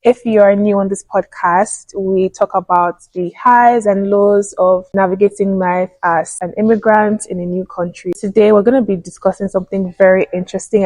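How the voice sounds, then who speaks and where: A woman's voice: mid-range voice, darkish tone, no echo, rough recording. A young woman hosting an interview podcast, upbeat and encouraging, with frequent affirmations. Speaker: podcast host. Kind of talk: casual interview chat.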